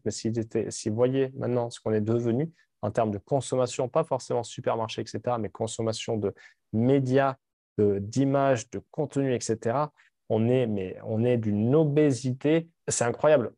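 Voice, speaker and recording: A man in his late thirties, a vlogger at his home in Dubai, talks frankly and casually to camera at a moderate pace. His medium-pitched, mellow voice stays fairly even as he rambles, restarts, and swears casually. The studio sound is clean, with no room sound.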